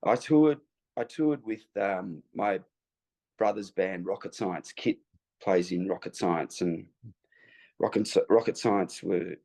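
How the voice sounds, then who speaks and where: Low gravelly man telling stories haltingly. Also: warm tone. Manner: rambling, hesitant storytelling. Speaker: guest musician. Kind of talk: interview anecdote.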